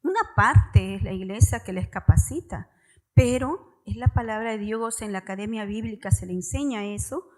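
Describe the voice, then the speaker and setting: A woman's voice: medium pitch, moderate pace, a little mellow, rough recording. Woman, church preacher, direct and emphatic sermon delivery to the congregation. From Peru. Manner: direct, emphatic address to parents, stressing key words. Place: church service.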